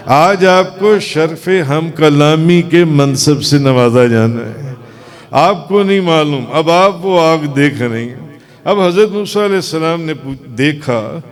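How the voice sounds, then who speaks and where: Male Sufi preacher, Pakistani Urdu accent, slightly high pitch, dramatic storytelling sermon with chanted repetitions.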